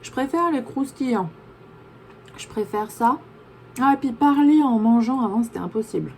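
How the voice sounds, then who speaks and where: A woman's voice: fairly high pitch, animated, normal speed, a little mellow, slight background noise. Woman chatting casually while eating. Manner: chatty, talks while chewing a sandwich. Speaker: vlogger. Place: home room, backlit.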